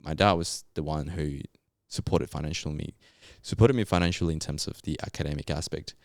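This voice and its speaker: A man's voice: very deep voice, fairly quick, creaky, no room sound, studio quality. A young man from Colombia, a native Spanish speaker, telling his story casually in an interview with laid-back, slangy Australian-style phrasing. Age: young adult. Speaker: podcast guest, geologist.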